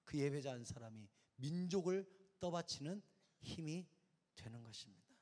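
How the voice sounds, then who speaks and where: A high-voiced male pastor preaches to young people, firing questions and answering them himself. He drops to soft, close asides, then builds to loud, ringing peaks. The sound carries a long reverb from a big church hall. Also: lively intonation, moderate pace. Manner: emphatic call-and-response preaching, swinging from soft to loud. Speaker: youth pastor. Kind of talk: sermon to a youth service.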